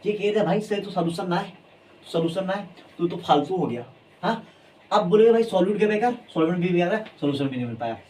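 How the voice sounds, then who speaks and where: A high-pitched man teaching chemistry with lively energy, drilling key terms over and over and coaxing his students along. He sounds a little away from the mic, with faint room ambience behind him. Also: fast talker, distant mic, slight background noise, low-quality recording. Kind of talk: energetic classroom lecture.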